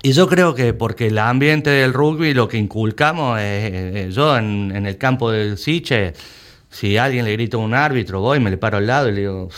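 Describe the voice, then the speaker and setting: A man's voice: lowish voice, normal speed, a bit bright. A man from Argentina with an Argentine Spanish accent, the president of a rugby club, talking emphatically in an interview and often repeating words while he searches for them. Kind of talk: conversational interview.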